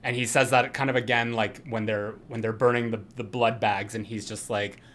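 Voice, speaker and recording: A man's voice: lowish voice, level tone, moderate pace, fairly bright tone. A man co-hosting a podcast, talking through a film in casual chat, rambling with lots of fillers and restarts. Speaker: podcast co-host.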